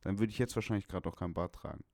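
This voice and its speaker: A young man in casual chat, animated and slangy, swearing and laughing often. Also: deep voice, very fast, no room sound, studio quality. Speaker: podcast co-host.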